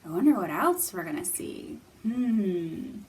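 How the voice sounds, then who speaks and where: A woman runs a library storytime for young kids, mixing in singalongs and keeping her explanations simple, playful and encouraging. Her medium-pitched voice is expressive, unhurried and a bit dark. The distant mic catches background room noise.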